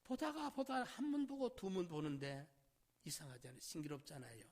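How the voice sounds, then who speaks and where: A middle-aged man preaching a sermon, swinging from loud exclamations to near whispers and asking the congregation rhetorical questions. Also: a little high, sing-song, brisk. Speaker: pastor.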